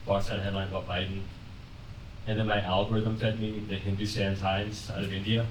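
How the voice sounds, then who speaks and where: A young man doing a conversational, deadpan stand-up set on a comedy club stage, laughing lightly at his own lines. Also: lowish voice, brisk, slight background noise. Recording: roomy club sound from a distance, with audience laughter. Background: audience laughing.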